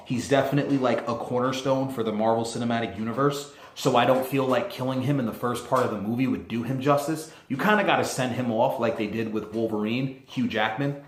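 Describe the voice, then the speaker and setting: A man vlogging casually, rambling and excitable, with some swearing. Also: lowish voice. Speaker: YouTuber. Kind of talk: casual vlog commentary. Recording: echoey room with faint noise.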